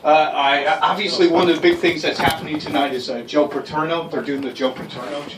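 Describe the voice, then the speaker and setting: A man's voice: on the high side, fairly even intonation, brisk. A man doing a loose, profane, rambling stand-up set at an open mic in a garage. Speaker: stand-up comedian. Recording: roomy far-off live recording with noise.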